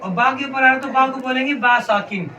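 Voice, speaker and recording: A man with a very high-pitched voice, talking a little fast, patiently asks pupils the same questions over and over as he teaches children to read the Quran and drills letter sounds. The call-and-response class is recorded in an echoey room with a distant mic, with children's voices and room noise around him.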